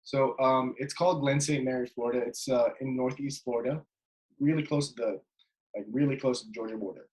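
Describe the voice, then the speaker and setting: A Jordanian basketball player joins a casual interview chat by webcam from his bedroom, speaking fairly quickly in a mid-range voice. He's laid-back and rambling, with many fillers and restarts, on a low-quality recording.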